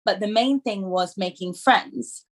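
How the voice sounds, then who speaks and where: A woman's voice: medium pitch, measured pace. Chatty young woman full of fillers. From England. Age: 20s. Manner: chatty, filler-heavy, self-deprecating and laughing often. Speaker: dental student guest. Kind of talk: casual conversational interview.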